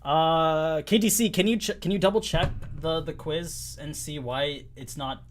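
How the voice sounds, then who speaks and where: A man's voice: on the high side, a little slow, slight background noise. Laughing, easily flustered man hosting a stream. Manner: laughs often, repeats himself when flustered. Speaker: host. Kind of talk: casual livestream chat.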